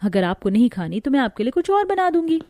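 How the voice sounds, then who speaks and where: A woman voicing a patient young daughter-in-law in a cartoon, speaking softly and pleadingly. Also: high-pitched, very animated, fast talker, no echo. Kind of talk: cartoon voice acting.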